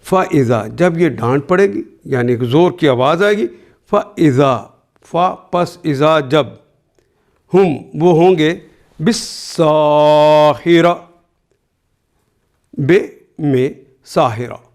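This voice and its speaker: A man teaching a word-by-word Quran translation, reciting each verse slowly and then explaining every word in plain, patient teaching. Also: a little high, animated, creaky. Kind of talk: word-by-word scripture lesson.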